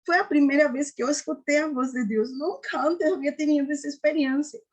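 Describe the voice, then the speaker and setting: A woman giving an earnest personal faith testimony, often halting and restarting. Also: high voice. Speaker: testimony giver.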